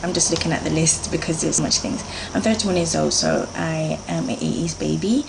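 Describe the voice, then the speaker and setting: Speaking briskly in a low, gravelly voice, a Jamaican woman in her 30s goes through a list for her beauty vlog viewers. Her manner is earnest and chatty with plenty of filler words, and insects hum audibly in the background.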